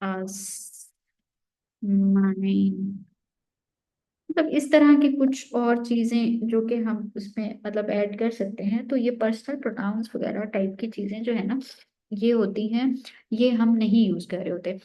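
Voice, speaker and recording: A young woman gives an exam-prep lecture in a fairly high voice. She walks through each point step by step, often posing a question and answering it herself. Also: normal speed, warm tone, muffled recording. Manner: explains step by step, often asks and answers her own questions. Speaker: teacher.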